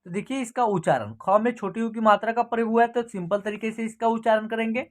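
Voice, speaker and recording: A woman teaching Hindi reading in an online lesson. She reads each word slowly and clearly, then explains it quickly, and repeats every sentence for the learner. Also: a little high.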